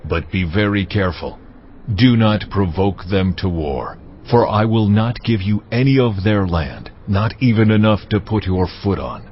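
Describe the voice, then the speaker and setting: A man playing God in dramatized scripture audio, stern, deliberate and authoritative. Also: on the low side, a little hiss or hum. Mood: firm instruction. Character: God, stern commanding male divine voice. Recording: dull audio with music underneath.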